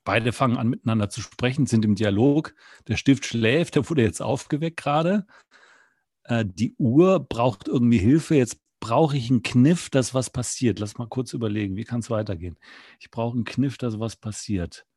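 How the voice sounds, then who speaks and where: A man's voice: mid-range voice, moderate pace, darkish tone, breathy edge, no room sound, clean studio sound. A man improvising a story and explaining his thinking aloud between the story parts.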